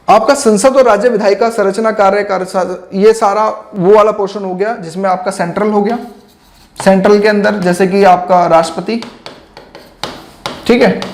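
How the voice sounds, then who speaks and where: A man's voice: high voice, a little mellow. A man teaching exam preparation in a casual, chatty lecture style, addressing students directly with lots of asides.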